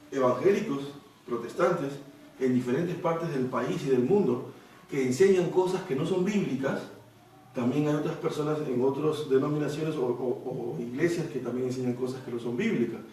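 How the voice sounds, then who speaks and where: A man's voice: a little high, dark tone, slight background noise. A man preaching a Bible study sermon, explaining the text at length and often checking in with rhetorical questions. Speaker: pastor. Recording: echoey room, mic far off.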